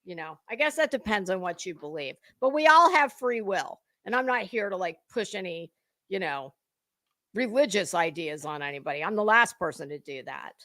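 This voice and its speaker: At medium pitch and a moderate pace, this woman sounds animated, pushed and bright. She is an online commentary creator in the middle of an unscripted rant to her viewers, swearing, blunt and confrontational, with hard emphasis on key words.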